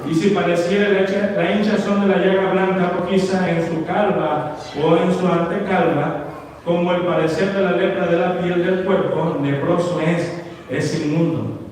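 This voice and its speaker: A man preaching a sermon, often calling out to his brothers and asking for agreement, dropping soft and low, then rising into emphatic cries. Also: steady tone, normal speed, slight background noise. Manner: addresses listeners as brothers, frequent tag questions; swings between soft low passages and raised emphatic cries. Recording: echoey church hall from far off.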